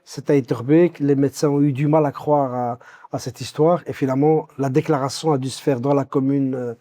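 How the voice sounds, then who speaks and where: A Belgian-born man in his fifties, recounting his life story as an interview guest, with many pauses and restarts. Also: medium pitch, fairly even intonation, dark tone. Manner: hesitant, many fillers and restarts.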